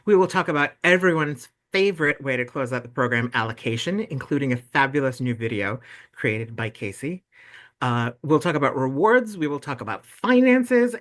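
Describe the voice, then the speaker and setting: A man's voice: medium pitch, a bit bright. Bubbly New man hosting online. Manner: bubbly and effusive, gushing over ideas. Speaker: webinar host for volunteers and parents. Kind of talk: casual online meeting presentation. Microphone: video call.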